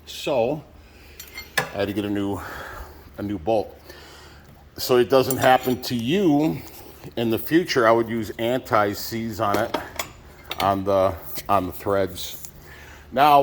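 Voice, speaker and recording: A man's voice: fairly low pitch, a little hiss or hum. A man with a lisp and whistling s from new braces, giving a casual, plain-spoken and unsure how-to narration as he works. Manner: plain-spoken, unsure, hedging first-timer. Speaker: DIY truck mechanic vlogger.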